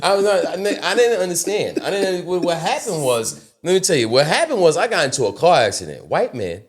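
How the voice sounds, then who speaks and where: A man telling a personal story as a guest on a casual studio talk show, profane and animated. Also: high voice, a little fast. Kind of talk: casual podcast chat. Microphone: studio mic.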